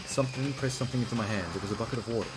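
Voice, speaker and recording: A man's voice: mid-range voice, rapid-fire. Man doing blunt game commentary over music. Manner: reacts exasperatedly, blunt asides. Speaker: host of a video game playthrough. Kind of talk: casual game commentary with read-aloud text. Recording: music behind the voice.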